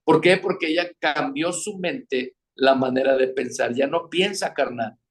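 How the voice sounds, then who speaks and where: A man's voice: medium pitch, measured pace. A man preaching a sermon on marriage, asking his listeners questions. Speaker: pastor teaching on marriage.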